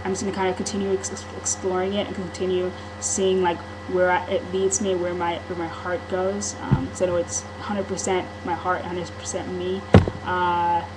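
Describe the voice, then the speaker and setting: In a home-video vlog recorded on a camera microphone, a woman rambles candidly through a casual personal monologue, often saying um and starting over. Her slightly low voice stays fairly level in pitch, at a moderate pace. Background noise is clearly audible.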